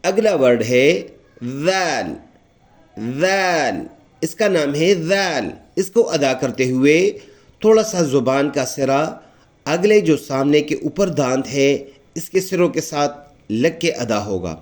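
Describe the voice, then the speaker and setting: A man with a Pakistani Urdu accent giving a patient recitation lesson, explaining each letter and repeating it slowly and drawn out. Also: fairly high pitch, animated. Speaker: Quran recitation teacher.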